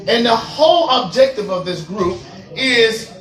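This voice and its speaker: Man, prison minister, high voice, far from the mic, animated preaching. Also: a little slow. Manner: animated, laughing, acts out voices. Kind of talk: preaching to a group. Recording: echoey room, mic far off.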